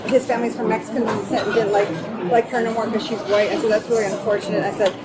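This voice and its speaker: A woman's voice: a little high, flat delivery, fast, a loud crowd. A woman working as a server, casually recounting an incident, picked up on a body camera. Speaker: bar server. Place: busy airport interior. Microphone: someone else's body-worn camera. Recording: noisy crowded bodycam audio.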